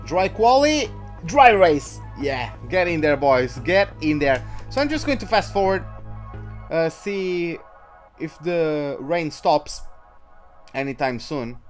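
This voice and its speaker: A man livestreams a racing game, talking casually and chattily in an expressive, slightly high voice and taking things slowly. Mid-commentary he greets viewers by name, with faint music in the background.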